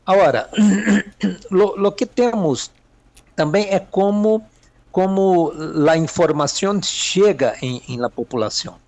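Slow, halting Mineiro Brazilian man. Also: high voice, expressive, a little mellow, no echo. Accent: Mineiro Brazilian Portuguese. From Minas Gerais, Brazil. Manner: hesitant, many fillers and repeated words; mixes Spanish words into Portuguese. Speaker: political analyst guest. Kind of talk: interview answers.

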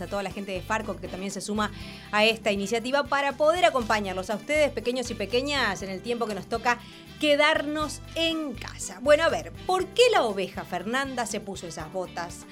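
A woman's voice: mid-range voice, fairly quick, soft background music. A woman with an Argentine accent co-hosting children's radio, chatting playfully and expressively with mock amazement.

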